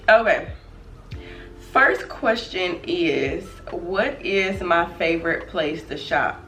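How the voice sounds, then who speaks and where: A woman's voice: sits low, vocal fry, recorded from a distance. Slightly nasal woman vlogging. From Dallas, Texas. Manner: chatty and relaxed, laughs often. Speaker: vlogger host. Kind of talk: casual chat to camera. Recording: echoey room, voice off-mic, faint music.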